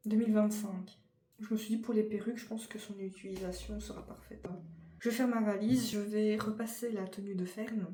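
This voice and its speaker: A young woman with a French accent chats informally to her viewers, starting sentences over and filling gaps with little hesitations. Her voice is mellow and rather dark. The room sounds echoey, with a faint hiss of noise behind her. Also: mid-range voice, steady tone, brisk. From France. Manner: chatty, informal, frequent fillers and restarts. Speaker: vlogger. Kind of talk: casual vlog chat.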